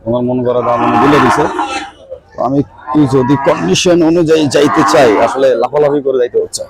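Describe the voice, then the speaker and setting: Chatty market vlogger, slightly high voice. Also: male voice, fairly quick, gravelly, low-quality recording. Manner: chatty, addresses viewers directly, haggles over prices. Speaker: vlogger touring a cattle market. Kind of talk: walking market vlog, asking sellers prices. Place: outdoor rainy muddy cattle market. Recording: outdoor market crowd behind. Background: crowd chatter and rain.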